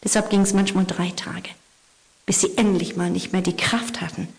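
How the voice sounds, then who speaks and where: A woman preaching a Christmas sermon, telling stories and often dropping to a hushed whisper for emphasis. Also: fairly low pitch, fairly even intonation, normal speed, gravelly. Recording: long hall reverb.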